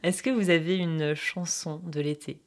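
A woman hosting a light summer radio interview, chatty and quick to laugh along with her guest. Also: deep voice, fairly even intonation. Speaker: radio host.

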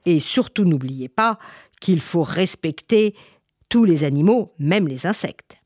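A woman's voice: fairly low pitch, expressive, unhurried, darkish tone, no echo, studio quality. A woman voicing a panicked mother who scolds her children in a storybook tale. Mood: scolding. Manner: exclamatory, rising questions.

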